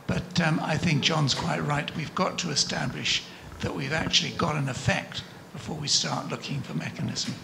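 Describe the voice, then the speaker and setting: Older man, gravelly, rambling from the floor. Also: fairly high pitch, steady tone, moderate pace, few pauses, crowd noise. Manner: rambling, chuckling anecdotes. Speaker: audience member at a conference. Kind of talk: spontaneous question from the floor. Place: large conference hall, audience seating. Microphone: handheld mic. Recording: noisy conference room.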